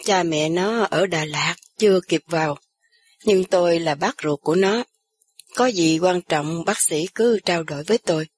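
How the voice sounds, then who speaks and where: A steady older man soothing his family in an audiobook, as a woman reader puts him on. His low, husky voice is calm and unhurried. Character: older man, worried but steady uncle.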